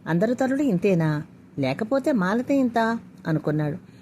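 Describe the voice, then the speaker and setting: Woman reading a story, steady. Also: medium pitch, normal speed, a little hiss or hum. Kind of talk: scripted story narration.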